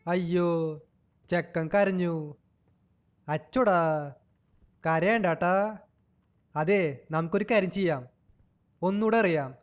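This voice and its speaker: Young man, gaming commentary, fairly high voice, playful, teasing, coos at the character. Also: slow, pauses often. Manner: teasing, talks to the game baby like a child. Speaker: gaming channel host.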